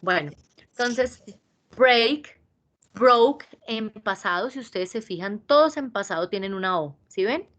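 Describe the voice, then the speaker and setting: A woman teaching an English class, patiently repeating verb forms slowly. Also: mid-range voice, animated, fairly bright tone, muffled recording.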